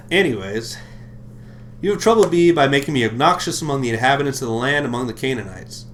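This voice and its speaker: A man's voice: mid-range voice, animated, fairly quick, fairly bright tone, slight background noise. A man hosting a livestream, reading scripture aloud and breaking off into mocking, profane comedic asides. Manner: profane, mocking asides between read passages. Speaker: livestream host.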